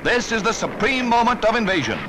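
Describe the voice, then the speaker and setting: A man's voice: very high voice, very animated, brisk, background noise. A man narrating a 1940s newsreel in a rousing, emphatic announcer style, with the sound of an old newsreel. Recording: narration over loud orchestral music.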